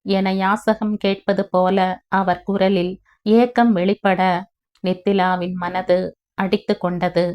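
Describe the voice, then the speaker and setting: Woman audiobook narrator, very slow and even, slightly muffled sound. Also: medium pitch. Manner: measured, even reading. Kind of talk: scripted story narration.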